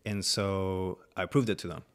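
A young man from Venezuela, a photographer, talking as a podcast guest in a relaxed, rambling way with many fillers. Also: low voice, normal speed. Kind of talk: casual podcast chat.

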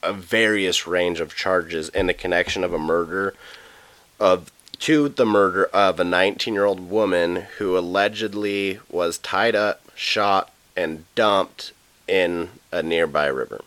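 Male podcast co-host, deep and dry, casual cursing, lots of um and like. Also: fairly even intonation, a bit bright, no room sound. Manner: loose, profane, halting with many fillers. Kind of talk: casual true crime chat.

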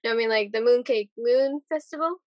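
A woman's voice: on the high side, fairly quick, no echo. A young woman from Japan chatting casually as a podcast guest, trailing off with fillers. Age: young adult. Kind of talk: casual conversation.

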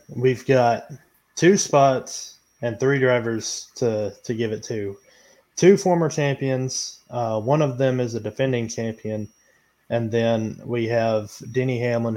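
Man, podcast host, mid pitch, hesitant, measured. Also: darkish tone. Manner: hesitant, lots of ums. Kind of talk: casual debate moderation.

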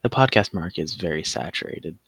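A man's voice: deep voice, lively intonation, brisk, vocal fry, a bit bright, husky, dry recording. A young man co-hosting a casual podcast, joking and laughing as he rambles. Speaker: podcast co-host.

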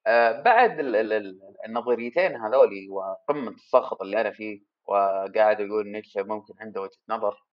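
A man's voice: fairly low pitch, fast, lo-fi sound. A man hosting a solo podcast, rambling and self-deprecating as he thinks aloud. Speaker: podcast host. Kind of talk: casual solo podcast monologue.

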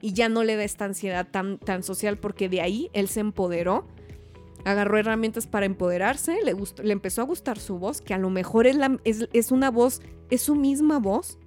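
A woman from Chihuahua, hosting a podcast in lively, slangy casual chat with faint music behind. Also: mid-range voice, a little fast. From Chihuahua, Mexico. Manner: chatty, animated, laughs often, slangy. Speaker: podcast host.

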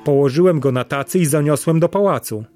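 Man playing a scared male gardener, fearful, begging, high voice. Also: brisk, a little mellow, faint music behind, close to an everyday voice. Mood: explaining. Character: frightened old male court gardener.

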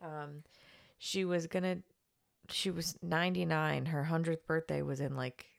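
A woman's voice: sits low, fairly even intonation, measured pace, creaky, no room sound, studio quality. A woman co-hosting a casual podcast, sounding congested after crying, giggly and rambling. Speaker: podcast co-host. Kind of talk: casual chat.

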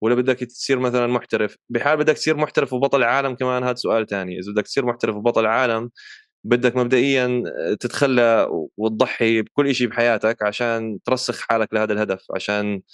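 A man's voice: mid-range voice, fairly even intonation, fast, clean tone, no echo, studio quality. A man with a Levantine Arabic accent explaining things casually as a podcast co-host, dropping in English terms as he talks.

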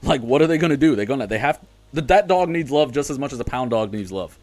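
A man co-hosting a laid-back podcast, talking at an ordinary pitch. He rambles through his stories, swears freely and breaks into laughter often. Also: lively intonation, fast talker, darkish tone. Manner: rambling, profane, laughs a lot. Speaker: podcast co-host. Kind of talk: casual podcast chat.

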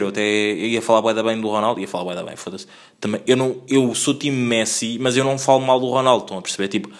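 A man with a European Portuguese accent hosting a casual solo podcast, rambling in slang with constant fillers and restarts. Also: medium pitch. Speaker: podcast host.

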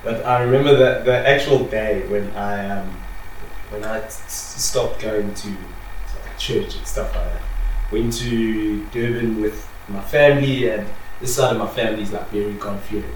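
A young South African man recorded from a distance in a very echoey room. He tells stories in animated, slangy banter, quoting people as he goes. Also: fairly low pitch, moderate pace. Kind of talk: casual banter and storytelling. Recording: echoey room, distant mic, faint noise.

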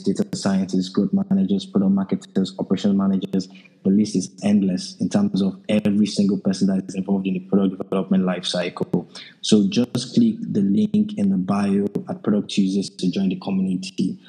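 A man's voice: deep voice, mellow, low-quality recording. A Nigerian man hosting a live audio community session, steadily handing over to speakers, with frequent fillers. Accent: Nigerian English. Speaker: host.

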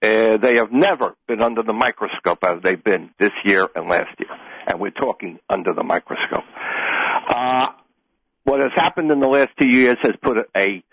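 Radio call-in: husky man on a muffled, dry phone line, pressing his points. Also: mid-range voice, fairly bright tone, no room sound. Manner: emphatic, repeats points, restarts sentences. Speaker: caller.

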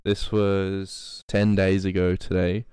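A young man with a very deep, smooth voice, relaxed and easygoing, mostly giving short replies. The sound is dry and close, with no room echo. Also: takes it slowly. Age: late teens. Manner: laid-back, short replies, reads news headlines aloud. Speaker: podcast co-host. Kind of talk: casual podcast chat.

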